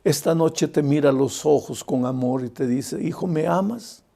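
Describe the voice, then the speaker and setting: Gravelly older man preaching a sermon. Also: medium pitch, fairly even intonation, normal speed, warm tone. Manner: earnest, speaks directly to the listener as "dear one". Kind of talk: evangelistic sermon. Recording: faint music underneath.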